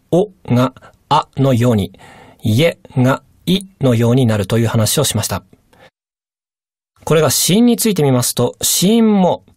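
A woman teaching a radio language course, giving calm, measured explanations and translations. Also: a bass voice, dry recording, studio quality. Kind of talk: scripted lesson explanation.

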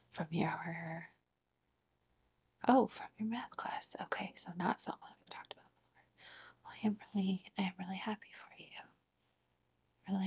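A woman's voice: lowish voice, a little mellow. Whispering woman in a soothing therapist role-play. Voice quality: breathy whisper. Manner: soothing, encouraging therapist manner. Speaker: ASMR performer playing a therapist. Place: living room at home, seated on a couch.

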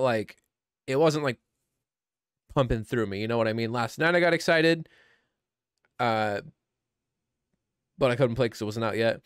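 Guy streaming a shooter game, middle pitched, chatty and hyped, kinda rambly, dry close mic with no room to it. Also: clean tone, dry recording. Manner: excitable, chatty, rambling with restarts. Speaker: gaming streamer. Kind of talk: casual gameplay commentary.

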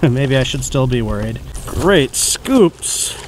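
A woman's voice: rumbling low, expressive, takes it slowly, a little mellow. A woman behind the camera on a beach gives cheerful, encouraging narration to young viewers as she films a child at play. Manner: cheerful, encouraging, talks to the kids watching. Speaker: parent filming a child's toy play. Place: outdoors on a shell-covered beach. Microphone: camera mic behind the lens. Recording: noisy outdoor audio with wind and water.

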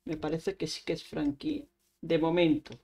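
Streamer, woman, lowish voice, playful running commentary to herself. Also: sing-song, moderate pace, warm tone, slightly rough. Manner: chatty, talks to herself and the game, sound effects like "pam". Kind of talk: casual Minecraft let's play.

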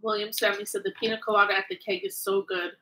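A woman's voice: mid-range voice, little pitch movement, fast, sharp tone, rough recording. A woman reading viewer comments aloud on a casual live stream and adding short, agreeing replies.

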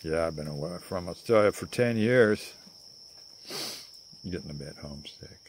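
An older man voicing a dreamy young hippie woman traveler who prays softly and muses aloud, recorded close on a phone camera in a garden outdoors. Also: deep voice, animated, moderate pace, a little hiss or hum. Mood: prayerful.

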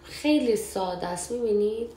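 A woman's voice: mid-range voice, animated, warm tone. A young woman hosting a cooking show at home, chatting casually as she explains each step. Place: home kitchen. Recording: echoey kitchen, faint background noise.

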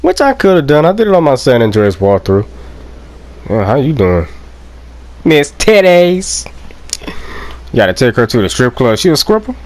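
A young man giving loud, profane, joking let's play commentary and laughing often. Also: medium pitch, huge pitch swings, normal speed, pauses often. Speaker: gameplay commentator.

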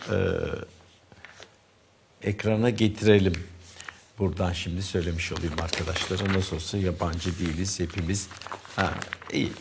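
A man hosting a morning news show, reading newspaper headlines aloud and commenting casually, with frequent pauses and fillers. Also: on the low side, darkish tone, a little hiss or hum. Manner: conversational, reads headlines aloud with hesitant fillers. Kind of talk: press review commentary.

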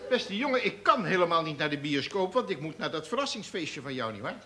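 A teasing, eccentric old grandpa. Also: male voice, on the high side, very animated, a little fast, a crowd in the background. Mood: jovial. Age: older. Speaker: father and grandfather. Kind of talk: stage farce acting.

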